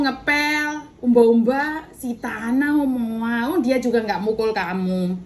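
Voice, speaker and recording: A woman's voice: a little high, a little hiss or hum. Firm, lecturing woman. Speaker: domestic worker agent. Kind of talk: scolding phone mediation.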